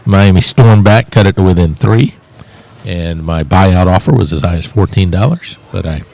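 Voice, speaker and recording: A man's voice: deep voice, moderate pace, vocal fry, a little mellow. A man co-hosting a podcast in casual chat, teasing the others with dry humor. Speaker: podcast co-host.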